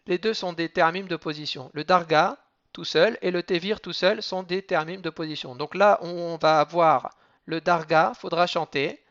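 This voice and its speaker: A man gives a patient lesson on cantillation marks, moving through each rule step by step. He breaks into slow chanted examples between the explanations. His voice sits a little high, and the recording sounds dull and lo-fi. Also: a bit bright. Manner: explains rules step by step, then chants Hebrew examples slowly. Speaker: teacher of Torah cantillation.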